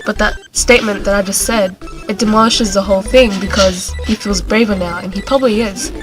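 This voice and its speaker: A woman's voice: mid-range voice, steady tone, a little fast, music in the background. A young woman giving casual, conversational rebuttals in an informal book debate. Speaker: student debater.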